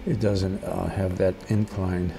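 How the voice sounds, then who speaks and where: An older man speaks as a gentle painting instructor, in a low, gravelly voice. He guides casually and encouragingly through each step, unhurried, with some steady noise behind him. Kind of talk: casual spoken painting tutorial.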